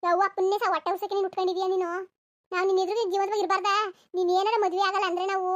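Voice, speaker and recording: A woman doing a fast-talking village mother. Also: very high-pitched, level tone, dull audio. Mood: scolding. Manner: scolding then coaxing, rustic village speech. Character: protective village mother, scolding yet tender. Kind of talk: cartoon voice acting.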